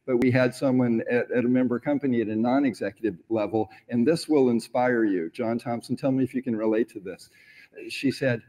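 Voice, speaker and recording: A middle-aged man, an award honoree, tells stories in an onstage interview on a large indoor event stage, speaking into a lapel mic. He is earnest and reflective with frequent hesitations, and his mid-range voice is a little fast with a dark tone.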